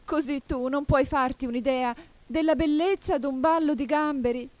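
The Mock Turtle, as a woman reader puts it on, a weepy, mournful sea creature with a much higher, strained voice than her own and a strange, altered tone. It swings between tearful sighs and shrill excitement in an audiobook telling. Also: moderate pace, no echo, close to an everyday voice. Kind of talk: audiobook character voice.

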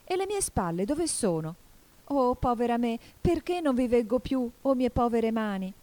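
A woman's voice: on the low side, very animated, moderate pace, mellow. A woman voicing an earnest young girl in a storybook reading, exclaiming and protesting. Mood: bewildered. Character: puzzled, earnest young girl in a fantasy world.

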